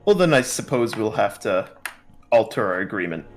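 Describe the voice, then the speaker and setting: A man's voice: lowish voice, big pitch swings, faint music behind. A man voicing a pompous, scheming male noble trader in a tabletop game. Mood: smug. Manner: haughty, drawn-out speech.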